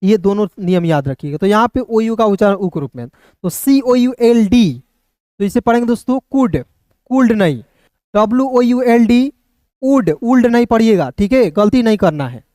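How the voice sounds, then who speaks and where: A man teaching English pronunciation in an online lesson, spelling words slowly letter by letter and repeating questions and answers to drill his viewers. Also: high-pitched, animated, mellow, no echo, clean studio sound. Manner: addresses viewers as friends.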